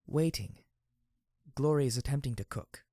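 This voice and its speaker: A man reading an audiobook, voicing a calm and distant female zebra spirit-medium who speaks in a slow, measured, solemn way. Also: medium pitch, no echo, clean studio sound, voice pushed up, lightly acted.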